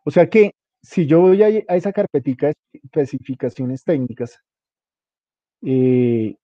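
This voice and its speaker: A man walks a student through a task, casual and hands-on, spelling out every detail. His voice sits a bit high. The sound is dull and lo-fi, close and dry. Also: a little slow, warm tone, no echo. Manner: informal, coaching, spells out details. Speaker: instructor. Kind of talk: guiding a student through a web page setup.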